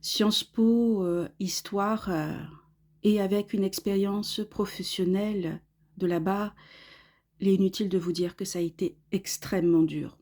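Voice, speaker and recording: Mellow-voiced woman in her fifties. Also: medium pitch, fairly even intonation. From Australia. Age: 50s. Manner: earnest, halting delivery in short phrases. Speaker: course student giving a testimonial. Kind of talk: personal testimonial monologue.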